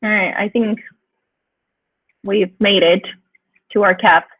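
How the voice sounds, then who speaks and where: A woman from Mexico with a Mexican accent talks slowly in a mid-range voice with fairly even intonation while leading an online workshop for teachers, chatty, encouraging, and full of filler sounds. Her video-call audio is tinny and dry, with no echo.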